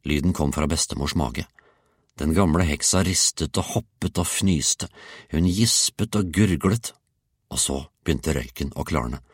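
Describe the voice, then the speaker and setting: A man reading a children's story aloud, with an expressive, playful delivery. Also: rumbling low, breathy edge, no room sound, studio quality. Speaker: audiobook reader. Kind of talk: storybook narration.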